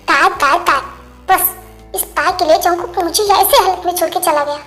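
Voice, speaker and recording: A woman voicing a proud, quick-tempered young woman who speaks sarcastically and indignantly. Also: extremely high pitch, pushed and bright, soft background music. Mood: scheming.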